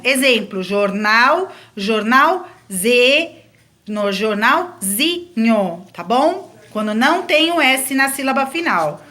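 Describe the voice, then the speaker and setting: A woman's voice: sits high, pushed and bright. A woman teaching a grammar lesson, explaining the rules patiently step by step with examples.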